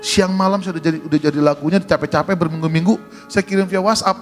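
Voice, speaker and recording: Pastor guy telling a funny story to the church, kinda higher voice, soft music under. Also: steady tone, quick pace. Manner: humorous storytelling, addressing congregation. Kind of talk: sermon testimony.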